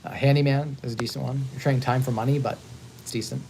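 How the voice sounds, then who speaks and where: Fast-talking man in his thirties. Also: mid-range voice, fairly even intonation, vocal fry, darkish tone, slight background noise. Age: 30s. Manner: fast-talking, upbeat, repeats and restarts words. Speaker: host. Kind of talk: casual live-stream chat. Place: hotel.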